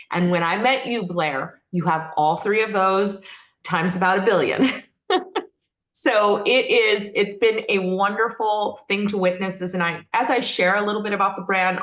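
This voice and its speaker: Her medium-pitched, fairly bright voice carries through an echoey room as she tells stories. She's a middle-aged company founder from Texas in the United States, speaking effusively and earnestly as an interview guest in an easygoing, conversational style.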